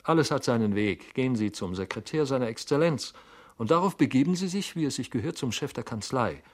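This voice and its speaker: A man voicing a brisk, haughty official who brushes others off curtly, in an audiobook reading. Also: mid-range voice, animated, voice pushed up, close to an everyday voice. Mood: officious. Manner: curt and dismissive. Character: brisk haughty male double, busy official.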